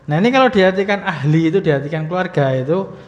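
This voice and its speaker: A man's voice: a little high, lively intonation, fast talker. A man teaching Arabic grammar in a religious study lesson, explaining patiently with many fillers and light humor. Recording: muffled recording with long hall reverb.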